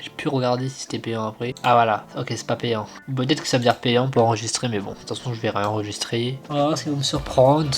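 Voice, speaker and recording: A man's voice: mid-range voice, fairly bright tone. Slangy, hesitant young man with faint music. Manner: hesitant, slangy, repeats and restarts often. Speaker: YouTuber testing image tools. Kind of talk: casual screen-recording commentary.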